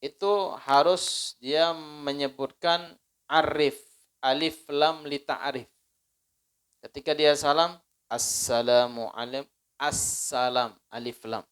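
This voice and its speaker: Man, Indonesian accent, religious teacher, study-circle lesson, slightly high voice, smooth and resonant. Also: fairly bright tone. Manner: slow, drawn-out demonstrations of recited phrases; conversational, asks listeners questions.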